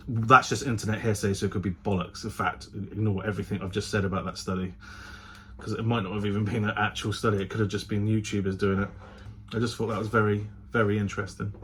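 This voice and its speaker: A fairly low, sharp-toned male voice comes through with a little hiss or hum. He's a casual, chatty vlogger addressing the camera, frequently hedging and correcting himself.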